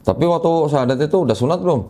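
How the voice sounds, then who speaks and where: A man interviewing his guest in a relaxed chat, nudging the story along with short replies and questions. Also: fairly high pitch, crowd noise. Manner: prompting with short backchannels and quick questions.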